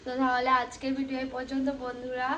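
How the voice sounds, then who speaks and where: A young mother from West Bengal, stuffy-nosed and with a sore throat, casually narrates cooking and caring for her daughter in her home kitchen for a vlog audience. Her high-pitched, fairly bright voice comes out fast and completely flat, with slight background noise.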